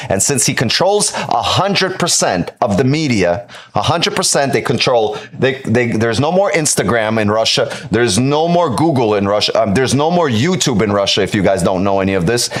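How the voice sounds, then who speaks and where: A Ukrainian man hosts a live trading stream, answering chat casually and emphatically, often repeating himself and tacking on "right?". His mid-range voice is sing-song, at normal speed with few pauses.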